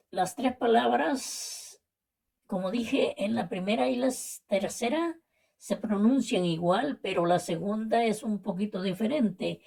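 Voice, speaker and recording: A woman from Latin America with a Latin American Spanish accent, teaching a vocabulary and spelling lesson and explaining slowly and carefully with repetitions. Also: mid-range voice, creaky, darkish tone, husky. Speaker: language teacher.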